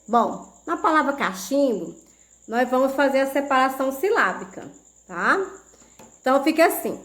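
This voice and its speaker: A woman's voice: high voice, sing-song, moderate pace, a bit bright. A Brazilian woman teaching a video lesson to young pupils, explaining patiently step by step and checking they follow. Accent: Brazilian Portuguese. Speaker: primary school teacher.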